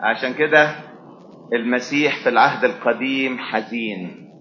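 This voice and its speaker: A man with an Egyptian Arabic accent preaching a sermon, swinging between hushed asides and loud, rising passages. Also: mid-range voice, moderate pace, slight background noise. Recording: roomy, dull sound with faint ambience.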